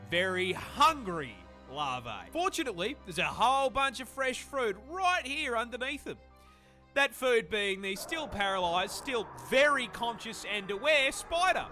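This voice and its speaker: A man's voice: very high-pitched, pushed and bright. A man doing comedic scripted documentary narration in a sweary, irreverent, slangy manner. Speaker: animal facts video narrator.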